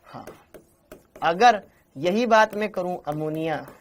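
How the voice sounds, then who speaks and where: A man's voice: high-pitched, expressive, slow. A man teaching chemistry in a live online class. He talks in a playful, teasing way, calls students by name and mixes English words and lines of verse into his explanations.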